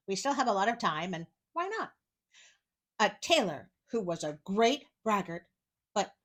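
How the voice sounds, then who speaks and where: A woman's voice: mid-range voice, pushed and bright. A woman reading fairy tales aloud and breaking off often with sarcastic, wry comments. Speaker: storyteller.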